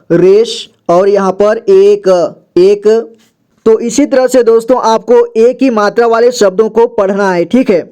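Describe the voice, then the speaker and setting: A man's voice: high-pitched, warm tone. A man teaching a Hindi reading lesson, patiently sounding out each word and repeating it twice.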